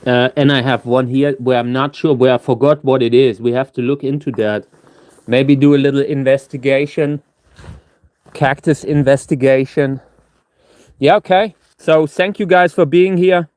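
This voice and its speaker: A man chatting casually as a livestream host, halting and restarting words, his tongue numb from hot chili so that talking is a struggle. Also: medium pitch, steady tone, a little mellow, no room sound. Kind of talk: casual rambling gardening livestream.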